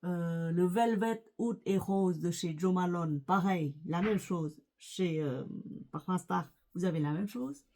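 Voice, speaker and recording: A woman's voice: on the low side, measured pace, darkish tone. A middle-aged woman chatting casually in a vlog, hesitant, with many fillers and restarts. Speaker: lifestyle vlogger. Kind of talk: casual chat about perfumes.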